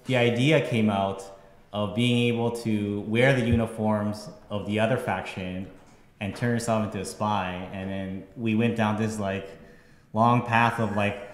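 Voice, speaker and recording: A man, a game developer on a live stream, talking casually and rambling with lots of fillers and tag questions. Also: fairly low pitch. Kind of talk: casual panel chat. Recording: echoey room with long reverb.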